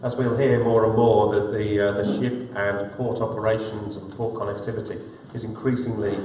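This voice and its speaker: Moderating a live session in a large conference hall, a man speaks loosely and hesitantly, filling his talk with many fillers. His voice sits on the low side with little pitch movement, a warm tone and normal speed. The distant mic picks up hall echo and a faint hiss or hum.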